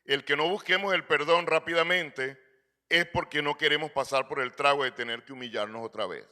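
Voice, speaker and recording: A man's voice: a little high, fairly quick, pushed and bright. A middle-aged man preaching a sermon in earnest, asking rhetorical questions and calling his listeners brother. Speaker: pastor.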